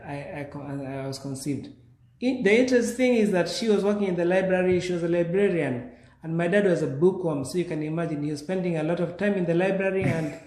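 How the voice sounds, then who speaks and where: Measured Kenyan-born man in an echoey room. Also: a little high, a little mellow. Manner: slow, measured, with pauses and restarts. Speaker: guest. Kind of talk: telling his life story.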